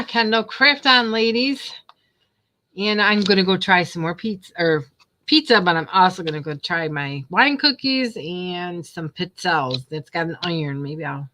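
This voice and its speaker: Laughing often, an older woman rambles through casual chat while crafting on her livestream. Her fairly low voice has a sharp tone, and the home recording is noisy.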